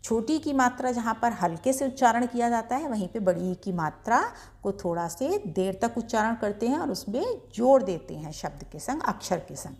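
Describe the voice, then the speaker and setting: A woman with a fairly high, darkish voice teaches beginners to read Hindi in a slow lesson, speaking animatedly at a moderate pace. She patiently sounds out each syllable and stresses the long vowels.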